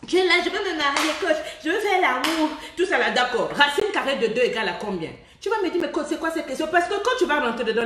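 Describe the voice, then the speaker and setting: Blunt high-voiced woman coach, roomy echo. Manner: blunt, mocking, laughs often mid-sentence; drops in English phrases. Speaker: relationship coach. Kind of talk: live-stream advice talk.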